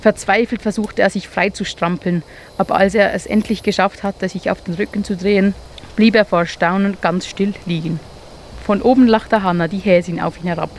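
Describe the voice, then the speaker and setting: Ruhige Erzählerin mit Schweizer Akzent. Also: female voice, mid-range voice, slight background noise. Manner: calm, inviting, measured. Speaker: storyteller. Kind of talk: reading a children's story aloud.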